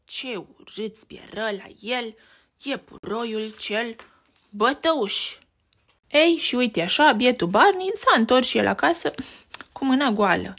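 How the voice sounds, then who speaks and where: A woman reading a picture book aloud to a child, lively and pointing out the pictures as she goes. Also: fairly high pitch. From Romania.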